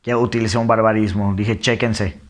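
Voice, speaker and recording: A man explaining diction errors in a lesson, reading example phrases slowly and then quickly. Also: on the low side, fairly even intonation. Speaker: teacher. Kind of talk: lecture on diction.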